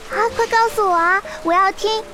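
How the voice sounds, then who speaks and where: Clingy frightened little girl, woman voicing: very high, whiny, pleading, audio drama over music. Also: a little fast. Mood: scared pleading. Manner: pleading, whiny childlike asking.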